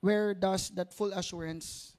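A Filipino man delivers a sermon in a mix of Tagalog and English. His voice sits a little high for a man. He talks conversationally, using rhetorical tag questions to seek agreement. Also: fairly even intonation, a little slow, a little mellow. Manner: switches between Tagalog and English. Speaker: preacher.

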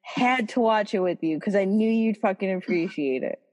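A woman's voice: medium pitch, moderate pace, in a large hall. A woman co-hosting a podcast, chatting casually and swearing freely as she retells scenes. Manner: swears freely, animated retelling with quoted voices. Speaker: podcast co-host. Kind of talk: casual chat.

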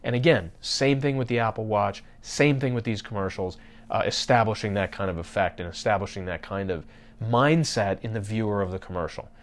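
A man's voice: fairly low pitch, a little fast. Chatty male podcast host, talking marketing. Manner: conversational, many fillers and restarts, addresses listeners directly. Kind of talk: casual marketing talk.

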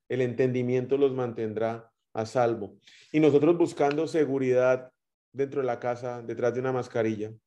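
Warm-voiced Guatemalan preacher man. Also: medium pitch. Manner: storytelling with rising and dropping loudness. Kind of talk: sermon.

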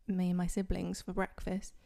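A woman's voice: on the low side, completely flat delivery, moderate pace, vocal fry, dark tone. A woman co-hosting a casual podcast from a guest's home, reacting to the chat and reading out the contact details. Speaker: podcast co-host.

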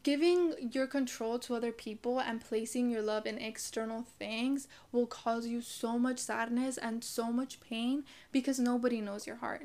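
A woman's voice: fairly high pitch, darkish tone. A young woman hosting a podcast, talking earnestly and casually about self-love and cursing freely. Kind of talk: casual motivational talk.

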